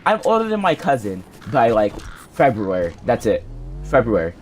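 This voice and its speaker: A man's voice: mid-range voice, wildly swooping pitch, moderate pace, background noise. A young man casually telling a personal story, rambling, swearing and restarting his sentences on a cheap home microphone. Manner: rambling, profane, self-interrupting. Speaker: storyteller vlogger.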